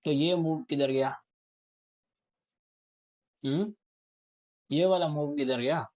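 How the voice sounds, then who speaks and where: A man's voice: on the high side, slow pace, a little mellow, no room sound. A man, teaching a casual lesson on reading charts, often asking a question and answering it himself. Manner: explains while marking a chart. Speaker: trading teacher.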